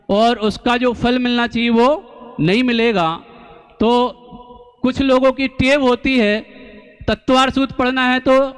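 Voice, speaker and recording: A man giving a slow, deliberate religious discourse, teaching through rhetorical questions and pauses. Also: extremely high pitch, a bit bright, clear, resonant tone. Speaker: Jain scholar and preacher. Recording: long hall reverb.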